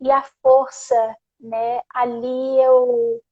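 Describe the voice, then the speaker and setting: High-voiced woman speaking slowly and softly. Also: flat delivery, narrow, tinny audio. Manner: soft, unhurried, tags phrases with "né?". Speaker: guest therapist. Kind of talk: casual spiritual conversation.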